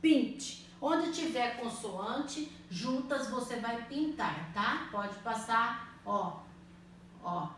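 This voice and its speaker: A woman teaching a primary school language lesson, spelling out words slowly and patiently, often checking that the children follow. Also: fairly high pitch, animated, fairly bright tone. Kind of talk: slow, clearly spelled-out online lesson. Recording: echoey room, mic at a distance, faint noise.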